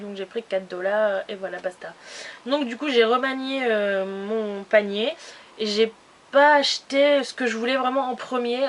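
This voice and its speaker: Chatty French-speaking woman vlogger. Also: on the high side. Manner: chatty, rambling, many fillers and restarts. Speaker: beauty vlogger. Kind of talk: casual haul video chat.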